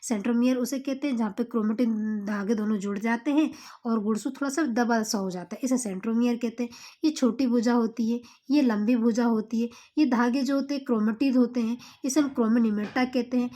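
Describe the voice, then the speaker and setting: A woman's voice: fairly high pitch, fairly quick, warm tone. A woman teaching a biology lesson, asking the class questions and answering them herself while repeating the key terms. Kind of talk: classroom-style lecture.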